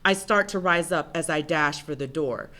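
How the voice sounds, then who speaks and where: A woman giving an intense, measured first-person spoken word performance. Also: deep voice, bright, forceful tone.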